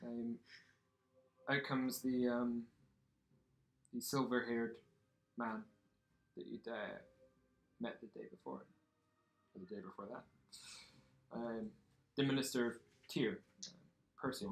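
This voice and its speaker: A man's voice: medium pitch, steady tone, slow pace, long pauses, roomy sound. A man narrating a tabletop game as game master, hesitant with many fillers.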